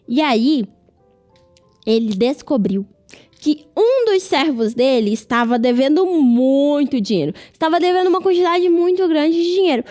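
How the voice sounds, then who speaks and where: A woman with a Brazilian accent tells a Bible story to children and speaks to them directly. Her voice is high and animated. Soft music plays faintly in the background.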